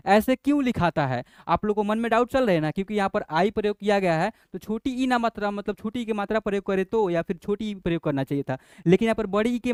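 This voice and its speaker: Clear high-voiced man teaching children. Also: a little mellow, no room sound, studio quality. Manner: patient, repeats points, addresses students as children. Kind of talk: explaining a language lesson.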